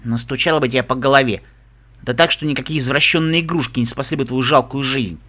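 A man reading an audiobook, voicing a sharp-tongued young unicorn mare who mocks and teases. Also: mid-range voice, fast, pitched below the performer's own voice, lightly acted. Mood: scolding. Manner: sarcastic, mocking.

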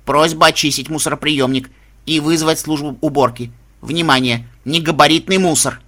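A man doing a booming metallic robot bin. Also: fairly even intonation, normal speed, pushed and bright. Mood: alarmed. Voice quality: metallic, grating. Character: loud, creaky metallic robot trash bin. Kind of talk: audiobook reading with voiced characters.

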